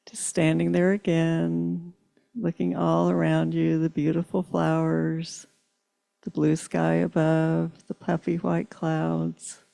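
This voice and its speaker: A woman leads a guided meditation in long, soothing phrases. She speaks very slowly, with a strongly gravelly voice. Her tone is dark and mellow. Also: sits low, monotone. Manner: slow, soothing, drawn-out phrases. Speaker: meditation leader.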